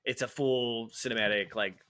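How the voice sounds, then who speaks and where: A man co-hosting a casual podcast chat, animated and prone to breaking into sung impressions. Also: medium pitch, moderate pace. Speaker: podcast co-host.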